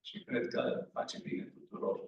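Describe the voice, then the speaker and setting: A man's voice: dull audio, slight background noise. A man from a band introducing songs to an audience, earnest and a little hesitant. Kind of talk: informal stage talk to an audience. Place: large echoey hall. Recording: echoey hall from far off.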